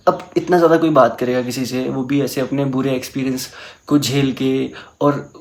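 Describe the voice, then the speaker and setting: Young guy, slightly high voice, animated storytime chat. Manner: animated, mixes English into Hindi.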